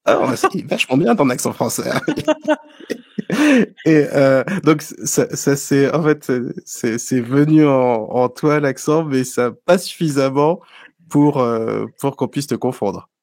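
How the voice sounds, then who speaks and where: A man from France hosting a relaxed interview, talking casually with frequent restarts. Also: mid-range voice, slow, dry recording. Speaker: host.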